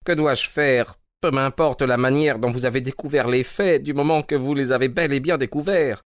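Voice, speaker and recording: A man's voice: fairly low pitch, fairly even intonation, normal speed, dry recording, studio quality, voice pushed up, lightly acted. A man voicing an anxious middle-aged father who pleads urgently, in an audiobook. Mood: pleading. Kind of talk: audiobook character reading.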